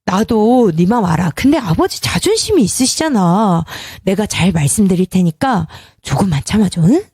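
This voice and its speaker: A man's voice: high voice, expressive, normal speed, few pauses, slightly rough, no room sound, heavily acted. Woman voicing a timid, placating young husband in a storybook drama. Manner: placating, hushed.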